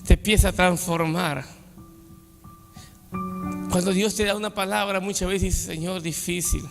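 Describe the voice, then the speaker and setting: Man, pastor, from Peru, preaching a sermon, dramatic swings from soft to shouting, long hall reverb. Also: sits high, steady tone, measured pace, vocal fry. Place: church hall. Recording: long church hall reverb with faint music.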